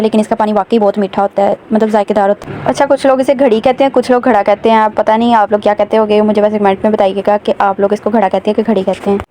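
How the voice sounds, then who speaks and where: Fast-talking young woman vlogger, flat delivery. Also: medium pitch, a little hiss or hum. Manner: chatty, addresses viewers directly. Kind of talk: casual vlog voice-over narration. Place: home.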